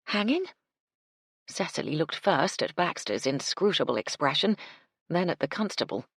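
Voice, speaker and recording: A woman reading a cozy mystery audiobook with steady scripted narration. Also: sits low, normal speed, dry recording, studio quality.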